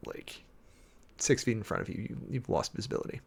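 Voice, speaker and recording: Creaky-voiced man rambling over sermon notes. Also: fairly low pitch. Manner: rambling, thinking aloud with many fillers and restarts; reads and parses Greek text slowly. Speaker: preacher preparing a sermon. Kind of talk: casual sermon-prep talk.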